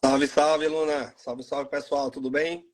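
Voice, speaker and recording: A man in his forties from Salvador with a Bahian Brazilian accent, chatting casually as a guest on a live video call and pausing often with fillers. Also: fairly high pitch, slight background noise. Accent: Bahian Brazilian Portuguese. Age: 40s. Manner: relaxed, halting with frequent fillers. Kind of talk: casual live stream chat. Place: at home in Salvador.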